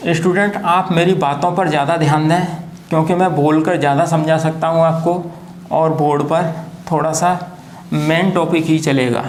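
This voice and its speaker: A man's voice: fairly high pitch, steady tone, normal speed, a little hiss or hum. A man teaching a lesson at a board, who keeps asking questions and answering them himself and repeats each point patiently. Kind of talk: classroom lecture at a board. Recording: echoey room.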